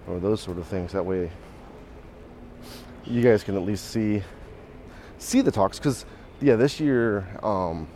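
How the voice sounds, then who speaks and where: This podcast host's voice is nearly gone, hoarse and dark, pitched fairly low. He strolls a city street delivering a loose, rambling walk-and-talk monologue full of restarts and little laughs, with faint traffic and street sounds in the background.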